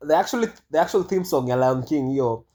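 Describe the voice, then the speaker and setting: A man's voice: mid-range voice, fairly quick, dark tone. A man giving casual monologue commentary, rambling and hesitant with many fillers and restarts. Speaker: vlogger.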